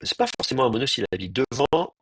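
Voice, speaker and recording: A man teaching an online class, explaining slowly and thinking aloud, with frequent pauses and restarts. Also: mid-range voice, lively intonation, fairly bright tone, husky, dry recording. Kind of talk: live online class lecture.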